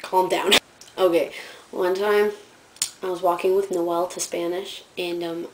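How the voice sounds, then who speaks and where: A teenage girl chats to her camera about her school days in a loose, rambling way, full of fillers and little giggles. Her voice sits a bit low for a girl her age. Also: flat delivery, measured pace, a little hiss or hum, low-quality recording. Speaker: student vlogger. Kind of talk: casual storytelling vlog.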